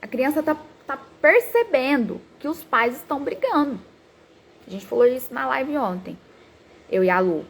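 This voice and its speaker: A woman psychologist in her thirties giving a talk on parenting, animated and acting out quoted parents and children. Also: sits high, normal speed, creaky, slightly rough.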